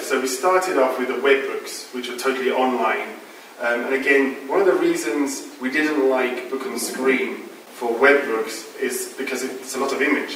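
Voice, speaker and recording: A man's voice: medium pitch, a bit bright, slight background noise. A middle-aged man giving an informal conference talk in a large lecture hall, explaining with frequent fillers. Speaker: conference presenter. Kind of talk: conference talk with audience questions. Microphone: far room mic, not using microphone. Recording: echoey hall from far off.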